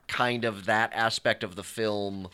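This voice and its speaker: A man's voice: on the low side, fairly even intonation, unhurried, sharp tone, smooth. A man co-hosting a casual film review podcast, nitpicking the story and arguing his point with many restarts. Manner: nitpicking, argumentative, hesitant restarts. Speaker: podcast co-host.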